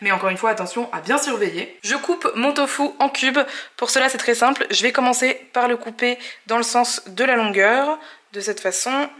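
A woman's voice: on the high side, normal speed, fairly bright tone. A woman hosting a cooking channel, narrating a recipe in a friendly, explanatory way and giving tips. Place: home kitchen. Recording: roomy echo, faint noise.

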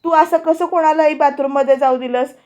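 A woman's voice: sits high, fairly even intonation, fairly quick, a little mellow, lo-fi sound, close to an everyday voice. Woman reading an irritated young wife. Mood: complaining. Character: young married woman, irritable, wants her own home.

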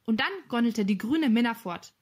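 A woman narrating a children's novel as an audiobook, with clear, lively storytelling. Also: on the high side, normal speed.

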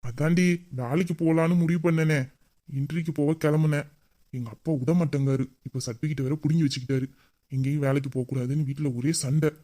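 Brief: an actor voicing a grumbling, lovesick young man in a romantic audio drama, mid-pitched and mock-angry. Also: steady tone, fast talker, mellow, close to an everyday voice. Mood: downcast.

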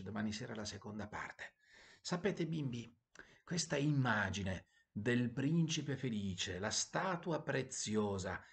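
Expressive male bedtime storyteller. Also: fairly low pitch, gravelly. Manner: expressive, sing-song storytelling. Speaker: priest telling bedtime stories.

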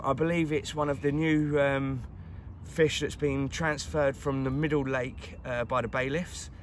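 A middle-aged man chatting excitedly to the camera while fishing by a lakeside, recorded on a handheld camera. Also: mid-range voice, a little hiss or hum. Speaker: carp angler vlogger. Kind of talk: casual outdoor fishing vlog. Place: lakeside outdoors, crouched by the water.

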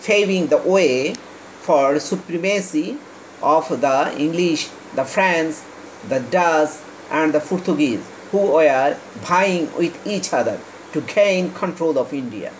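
A man from Bangladesh teaching an English lesson, reading English lines slowly and explaining quickly in Bengali. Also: fairly high pitch, lively intonation, a little hiss or hum, rough recording.

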